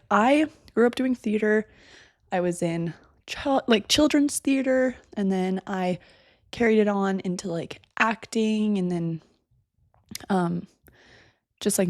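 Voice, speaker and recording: A woman's voice: mid-range voice, darkish tone, no room sound, clean studio sound. A young woman in her twenties hosting a casual solo podcast, chatty and rambling, sounding a bit congested. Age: 20s. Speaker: podcast host. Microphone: desk microphone.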